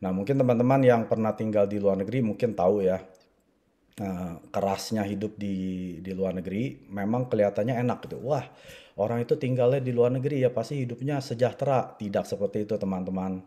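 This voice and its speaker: An Indonesian man in his forties, a network marketing speaker, tells his life story to an audience in a chatty, conversational way, often tagging sentences with the fillers "ya" and "gitu." His voice is fairly low, steady, dark, and a little fast.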